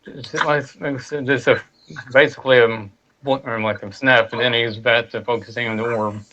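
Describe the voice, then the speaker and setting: Bright-voiced man running a tabletop game. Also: mid-range voice, fairly even intonation, normal speed. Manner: repeats and restarts phrases. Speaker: game master. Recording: dull lo-fi sound with faint noise.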